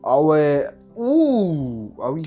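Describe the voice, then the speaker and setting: Excitable French-speaking man unboxing on his phone. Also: on the high side, a little slow, highs cut off, soft background music. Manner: gushing, exclaims often, lots of slang. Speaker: toy unboxing vlogger. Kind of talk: excited casual unboxing commentary.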